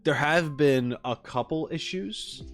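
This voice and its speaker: A game reaction streamer hosts his livestream from a home setup with a green screen, chatting casually with viewers in a rambling, self-deprecating, joking way. His voice is a little high and fairly bright, and he speaks slowly. Music plays in the background.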